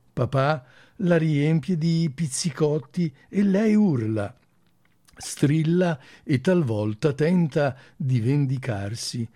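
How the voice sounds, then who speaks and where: A male radio host talking gently and effusively on air, then reading a short fairy tale aloud. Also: on the high side, no echo, clean studio sound. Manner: gentle and effusive, with small restarts.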